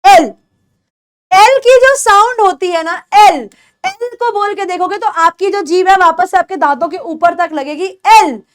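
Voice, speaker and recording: A young Indian woman teaching beginners English pronunciation, a Hindi speaker who says example words over and over and checks that students follow. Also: very high-pitched. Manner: patient, repeats example words slowly and checks understanding.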